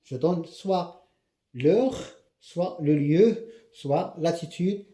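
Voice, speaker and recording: A man with a Moroccan accent teaching a grammar lesson, repeating example questions slowly and often checking that the class has understood. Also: fairly high pitch, mellow, echoey room. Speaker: French teacher.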